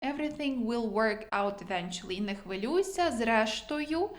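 A woman's voice: a little high, animated. Chatty Ukrainian woman teaching English. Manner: chatty, self-deprecating, reads English examples slowly. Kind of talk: vocabulary lesson.

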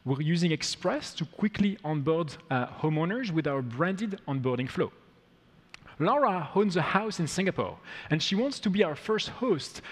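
A man in his thirties talks an audience through a live coding demo, upbeat and step by step. His voice sits a little high. The sound carries the long reverb of a big conference hall. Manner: upbeat, walks through steps as he goes. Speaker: product demo presenter. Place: large conference hall, on stage.

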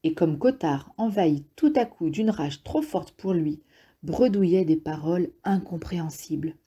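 A woman reads an audiobook in a steady, even manner. Her voice is low and very dark, with a husky grain. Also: moderate pace, highs cut off. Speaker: audiobook reader. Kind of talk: audiobook narration.

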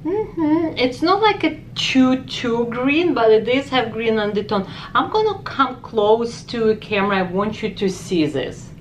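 Filmed close up at an indoor department store makeup counter, a Ukrainian woman in her forties with a heavy accent chats excitedly through a makeup review, swatching items and exclaiming often. She talks on the high side, animated and a little slow with few pauses, and the low-quality recording carries some hiss or hum.

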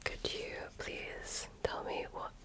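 In this ASMR roleplay, a female performer takes the role of a medical examiner. Her breathy whisper stays gentle, patient and deliberate, offering soft-spoken personal attention.

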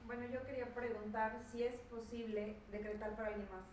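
A woman's voice: on the high side, flat delivery, fairly quick, a little mellow. A woman in a class asking the teacher questions hesitantly, with fillers and restarts. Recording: very echoey room, distant mic, faint background hum.

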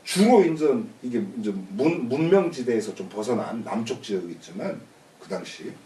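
A man's voice: medium pitch, lively intonation, moderate pace, mellow. A man teaching a classical Chinese text, glossing each phrase and then restating it in plain everyday speech. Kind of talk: explaining a classical text line by line. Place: room in a rural community shelter. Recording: echoey room, mic far off.

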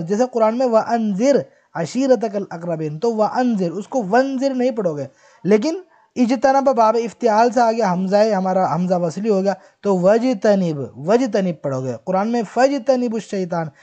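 Mellow-voiced male grammar teacher. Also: sits high. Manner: patient explaining, checks in with "theek hai". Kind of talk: recorded online lesson.

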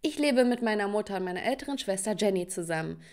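A woman's voice: medium pitch, animated, fast talker, darkish tone. Woman narrating a first-person storytime. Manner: first-person, addresses viewers.

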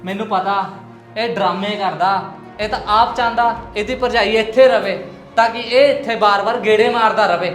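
A man's voice: sits high, fairly even intonation, normal speed, fairly bright tone. A man playing a drunk, confrontational male tenant in a family drama, accusing and aggressive. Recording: echoey room, faint music.

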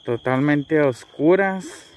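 A man's voice: fairly high pitch, slow pace, darkish tone. A Mexican man speaking casually as he hosts a night exploration vlog outdoors. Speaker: vlog host. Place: outdoors at night in the countryside and a cemetery. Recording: noisy outdoor night recording with insects. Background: crickets and night ambience.

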